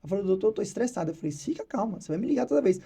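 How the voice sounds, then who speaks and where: Fast-talking Brazilian vet, dark husky voice. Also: male voice, high voice. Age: adult with children. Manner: animated, acts out clients' voices. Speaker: veterinarian guest. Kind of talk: casual interview storytelling.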